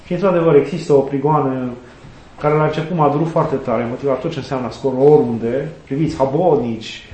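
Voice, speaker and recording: Earnest middle-aged priest, echoey room. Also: male voice, mid-range voice. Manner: earnest, animated, quotes sayings and saints. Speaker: Orthodox priest and student chaplain. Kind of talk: conversational interview, reflective storytelling.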